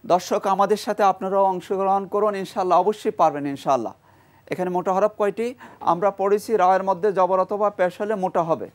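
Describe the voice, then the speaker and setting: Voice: mid-range voice, steady tone, brisk. A Quran reading teacher leading a TV lesson, quizzing students and prompting group recitation, then praising their answers. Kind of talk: TV quiz-style lesson with call-and-response. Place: TV studio with a class of students. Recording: studio with students chanting along.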